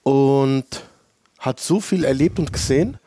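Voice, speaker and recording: An earnest chef in his late thirties from the Allgäu talks about his path in a reflective way, pausing often on fillers. His pitch is middle for a man. The recording is close and dry. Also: warm tone, dry recording. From Germany (Allgäu). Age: late 30s. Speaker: two-star chef, guest. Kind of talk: casual interview.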